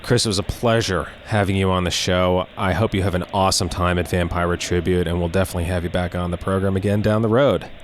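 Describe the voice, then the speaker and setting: A man hosting a casual horror-themed interview show, speaking appreciatively with hesitant, drawn-out phrasing. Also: low voice, fairly even intonation, a little hiss or hum.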